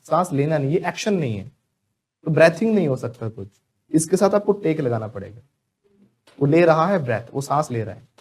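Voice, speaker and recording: Lively male English teacher. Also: on the high side. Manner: lively, drills students to repeat phrases. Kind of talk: classroom teaching.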